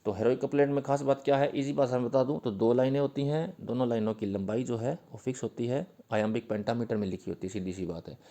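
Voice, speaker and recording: A male teacher giving an exam-prep literature lecture in Hindi mixed with terms. He reads definitions slowly, then explains them patiently with fillers and repetition. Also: medium pitch, warm tone. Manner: uses fillers, repeats points patiently.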